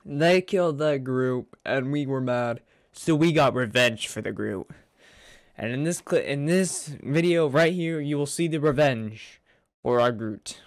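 A man's voice: medium pitch, unhurried, no echo, clean studio sound. A man with a groggy morning voice, casually narrating a recap of a video game match as the channel host, asking himself questions and answering them. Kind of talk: casual narration over gameplay clips.

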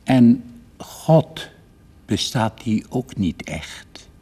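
An older man voicing a pale, quiet little girl in a read-aloud story, raising his husky voice softly. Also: on the low side, lively intonation, extremely slow, exaggerated voice. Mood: timid, wondering. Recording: reverberant studio recording.

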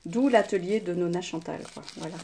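Gushing older woman with a gravelly voice. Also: on the low side, brisk, dark tone, slight background noise. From France. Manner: gushing, chatty, exclaiming. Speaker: craft channel host. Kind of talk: casual unboxing chat. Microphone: phone.

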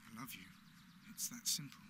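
A man's voice: medium pitch, moderate pace, noisy background, lightly acted. A man playing an obsessive, lovesick stalker in a drama, insistent and intense, pleading with menace. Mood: obsessive, disappointed. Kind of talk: dramatic dialogue acting.

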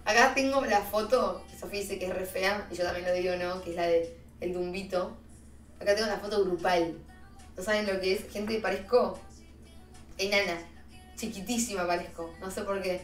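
Argentine woman streamer, casual self-mocking chat, mid-pitched, set back from the mic. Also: fairly even intonation, normal speed. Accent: Argentine Spanish. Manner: slangy, chatty, laughing at herself. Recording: roomy, distant mic, faint music.

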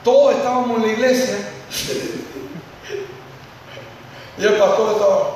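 A male pastor with a high voice preaches, lively and speaking directly to his congregation. His words ring around a large church hall, caught from far off, over a faint hiss. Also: a little slow. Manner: lively, acts out congregants, addresses listeners directly. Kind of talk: sermon.

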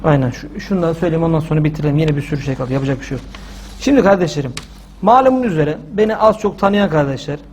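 A man preaching a sermon in a loud, forceful, shouting manner, stretching some words slowly for emphasis. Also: fairly high pitch, slight background noise.

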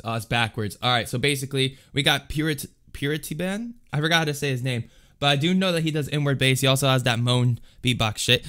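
A man of ordinary pitch hosts his own beatboxing channel. He talks in a loose, unscripted way, sprinkling in curses as he addresses his viewers directly. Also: fairly bright tone. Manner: loose, chatty and swears freely. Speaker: beatboxer vlog host. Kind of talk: casual vlog chat.

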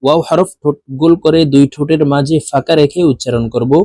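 A man, teaching Quran reading by spelling out syllables and chanting the words in long drawn-out tones. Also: on the high side, dark tone, dry recording. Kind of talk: Noorani Qaida spelling lesson.

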